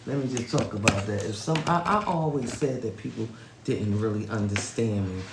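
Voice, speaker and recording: A man's voice: lowish voice, normal speed, creaky. A man co-hosting a podcast, chatting animatedly and reacting. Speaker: podcast co-host. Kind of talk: casual chat. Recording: roomy echo with faint noise.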